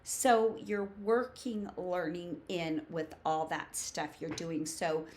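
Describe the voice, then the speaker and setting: A woman's voice: fairly low pitch, steady tone, slow, darkish tone, slight background noise. A woman in her fifties giving casual, emphatic instruction to camera as a preschool teaching coach, listing points in short phrases. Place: small home room with bookshelves.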